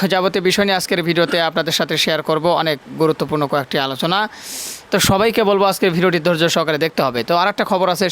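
High, clear-voiced man talking news. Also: fairly bright tone. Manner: colloquial, joking, slow and drawn out. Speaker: news commentary host. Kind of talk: casual video news commentary.

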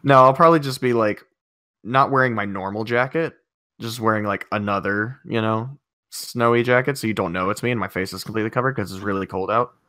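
A man's voice: fairly low pitch, a little fast, a bit bright, no room sound, studio quality. A man playing a tabletop role-playing game over voice chat, laid-back and chuckling as he talks. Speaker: tabletop role-play player.

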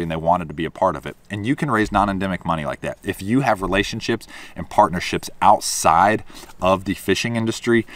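A man's voice: fairly low pitch, fairly bright tone, no room sound. A man on a boat delivers an opinionated monologue to camera, explaining emphatically with rhetorical questions and repeated points. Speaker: fishing content creator. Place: on a boat, outdoors.

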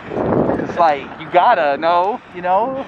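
A man's voice: high-pitched, lively intonation, slow pace, lo-fi sound. A young man vlogging in a fursuit and joking around as he talks through a costume head on a lavalier mic. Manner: joking, playful, laughs often. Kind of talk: casual vlog chat. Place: outdoors on a city street. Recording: loud street noise behind.

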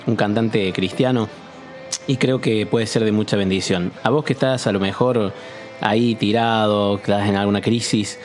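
Low-voiced Argentine radio host. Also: male voice. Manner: warm direct address to the listener, encouraging.

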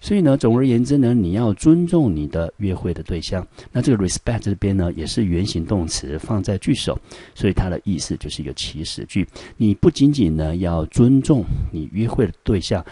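Deep dry-voiced male English teacher. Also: dark tone, husky, dry recording. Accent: Taiwanese Mandarin. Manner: explains step by step, asks rhetorical questions. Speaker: high school English teacher. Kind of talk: classroom grammar lesson.

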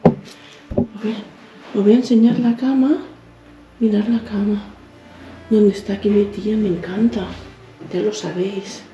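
A woman, exploring an abandoned house in a casual vlog, exclaiming and marveling aloud, often hushed. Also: medium pitch, steady tone, measured pace, pauses often. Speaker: urban explorer host. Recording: roomy, dull lo-fi camera audio with faint music.

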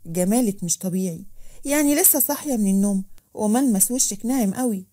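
A woman voicing a vengeful, scheming young man with an Egyptian Arabic accent, muttering threats in a lowered voice. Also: fast talker, dark tone, natural voice. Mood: mocking.

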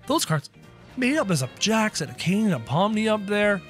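Hyped up guy narrating a game, high bright voice, little game music under it. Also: moderate pace. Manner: excitable, exclamatory, addresses viewers as guys. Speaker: gaming YouTuber. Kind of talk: game commentary.

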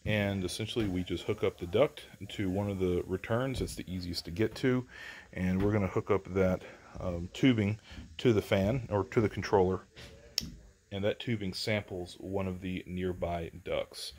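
A plainspoken HVAC contractor in his forties explains a test inside a house under construction, filmed on a handheld phone for an instructional job-site vlog. His voice is low, a little mellow, with fairly even intonation at a normal speed.

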